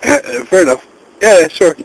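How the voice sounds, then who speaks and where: A man's voice: high voice, big pitch swings, moderate pace, rough recording. A man laughing hard and teasing a friend in a casual home video chat.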